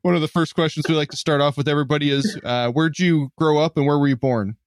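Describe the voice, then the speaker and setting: A man's voice: on the high side, steady tone, fast, no echo, clean studio sound. A man hosting a podcast interview in an easygoing way, often with short replies. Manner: easygoing, brief responses. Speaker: podcast host. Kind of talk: casual interview.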